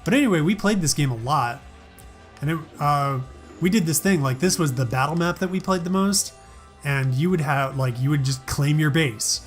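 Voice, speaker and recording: A man's voice: fairly high pitch, moderate pace, soft background music. A man in his thirties casually commentating as he plays, explaining things playfully as the host. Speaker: host of a family gaming show.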